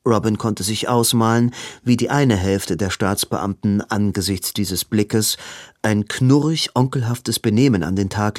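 In clean studio sound without echo, a male narrator reads a novel for an audiobook in a steady, measured way. His scripted delivery comes in a mid-range voice.

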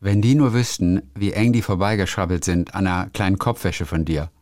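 A man's voice: low-pitched, steady tone, brisk, darkish tone, no room sound, clean studio sound. A man co-hosting a podcast, chatting and reading out a listener's message. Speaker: podcast co-host.

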